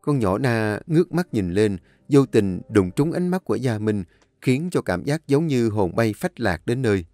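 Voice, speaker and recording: A man reads a serialized novel aloud, his delivery lively and dramatic. The recording is dry and close, with soft music playing underneath. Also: mid-range voice, moderate pace, no room sound. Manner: expressive, dramatic reading. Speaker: storyteller. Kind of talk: audiobook narration.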